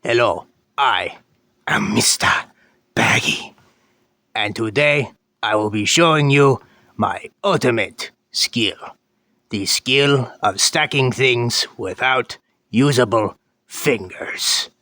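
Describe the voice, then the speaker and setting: A man plays an earnest male puppet in a talent show act. He speaks slowly and formally in a forceful, hard-edged voice, halting and full of self-importance. The recording is dry. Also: medium pitch, no echo. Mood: self-important. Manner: halting, formal showman delivery.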